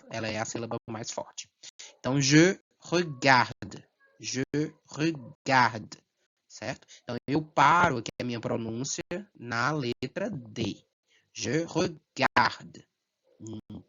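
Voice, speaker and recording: A patient teacher, explaining French grammar slowly and checking in often with the class. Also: medium pitch, a bit bright. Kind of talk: language lesson. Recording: slightly dull lo-fi sound.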